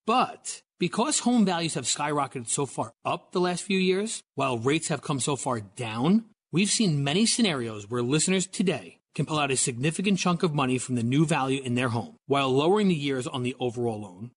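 A husky-voiced man reading a conversational radio commercial as a company spokesman. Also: medium pitch, animated, a little fast, few pauses.

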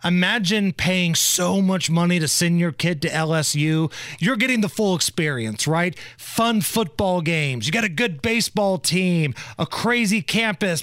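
Male host, high-pitched voice, wry conversational commentary, dry studio-like sound. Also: moderate pace, fairly bright tone, no room sound. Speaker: talk show host. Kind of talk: conversational talk show commentary.

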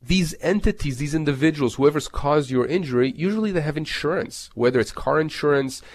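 A man's voice: fairly high pitch, brisk. A man giving explanatory legal advice as an expert on a talk show, stressing and restating his key points.

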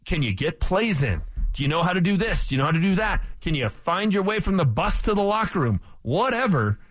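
A man co-hosting a sports talk show, arguing his points with emphatic, skeptical energy. His voice sits a little high and moves through a wide, animated range. The studio sound is close and dry. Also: a little fast, no room sound. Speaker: sports radio co-host. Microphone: studio microphone.

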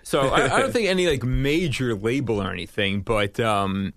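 A man's voice: mid-range voice, normal speed, a bit bright, no echo. A young man from Staten Island, a guest in casual studio chat, hesitant with many fillers and restarts. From Staten Island, New York. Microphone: studio mic.

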